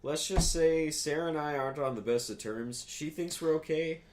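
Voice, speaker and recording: A man's voice: on the high side, moderate pace, a little mellow. A drunk man chatting casually as a podcast co-host, rambling loosely. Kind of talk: casual chat.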